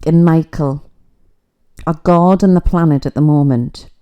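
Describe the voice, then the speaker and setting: Mellow low-voiced psychic woman. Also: a little slow, muffled recording. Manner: chatty, rambling, mystical. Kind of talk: casual livestream spiritual reading.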